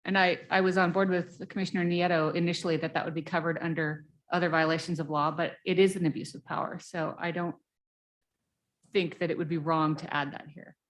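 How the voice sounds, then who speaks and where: A woman commissioner with a lower voice makes her case during a meeting. She speaks deliberately and earnestly. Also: flat delivery. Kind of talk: meeting discussion.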